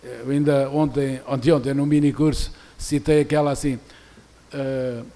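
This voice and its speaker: A man's voice: mid-range voice, little pitch movement, moderate pace. An older man from Portugal with a European Portuguese accent, giving an academic lecture in a university auditorium, talking in a discursive way with many restarts. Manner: discursive, many restarts, reads quoted verses aloud more loudly.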